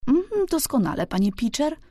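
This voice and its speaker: A woman reading an audiobook, voicing a brisk, curt middle-aged housekeeper in a high, pushed voice. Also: sing-song, mellow, no echo, studio quality, heavily acted. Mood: dutiful. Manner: curt, bossy.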